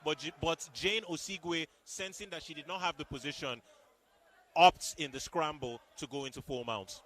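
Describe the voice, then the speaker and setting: A man's voice: on the high side, normal speed, fairly bright tone. A man giving live fight commentary as play-by-play, with formal, emphatic phrasing.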